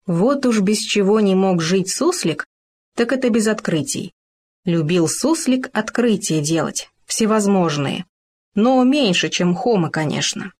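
A woman with a mid-range voice reads a children's story aloud. Her telling is lively and expressive, the way one reads to children. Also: medium pitch.

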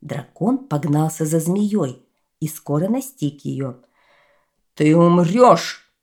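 A woman reading a children's fairy tale aloud as narrator, in an expressive storytelling manner. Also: deep voice, measured pace.

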